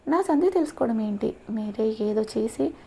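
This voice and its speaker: A woman's voice: fairly high pitch, animated, normal speed, creaky, breathy edge, heavily acted. A woman voicing a young man in love who pleads and protests angrily to the police. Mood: upset, pleading. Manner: pleading, then shouting in protest. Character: young man in love, Surya, desperate and defiant.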